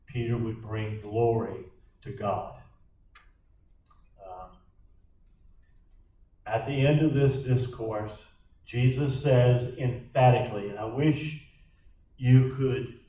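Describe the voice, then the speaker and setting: A man, a pastor, teaching a bible study in a church room, slow and emphatic, acting out quoted lines. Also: mid-range voice, warm tone. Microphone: distant backup recording. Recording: echoey room from far off.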